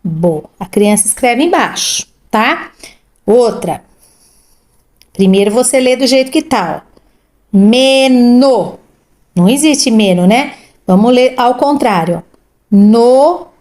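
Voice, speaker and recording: Slow, drawn-out woman teacher. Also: a little high, lively intonation, a little mellow. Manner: slow, repeats each word twice with drawn-out syllables; instructive, frequent "tá?" and "ó". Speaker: literacy teacher. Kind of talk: tutoring lesson, reading syllables aloud.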